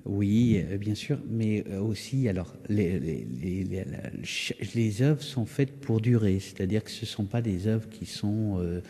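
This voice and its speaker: A man, an artist explaining their work in an interview, halting and searching for words, in an echoey hall. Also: lowish voice, dark tone, breathy edge. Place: indoor hall of a townhouse. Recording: echoey, resonant building interior.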